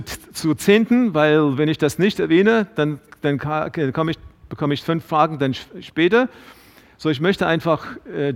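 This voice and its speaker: A man preaching a sermon about giving, talking in a halting way with many fillers and restarts. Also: on the high side. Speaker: pastor. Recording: long hall reverb.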